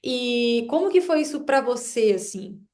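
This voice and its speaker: A young adult woman with a mild stutter leads the interview. Her voice sits a little high, and she asks her questions gently and carefully. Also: lively intonation, a little slow. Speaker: host and interviewer. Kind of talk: interview conversation.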